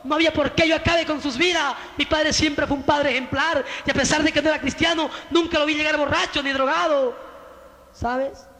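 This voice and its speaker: A man's voice: very high voice, steady tone, a little fast, pushed and bright, long reverb tail. A man giving a fervent religious testimony, speaking straight to the listener and calling him brother. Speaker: preacher giving his testimony.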